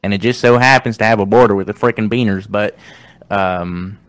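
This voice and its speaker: Low-voiced young man, rambling casual chat. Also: brisk, dry recording. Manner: rambling, slangy, says "bro" and "like" a lot. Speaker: podcast host.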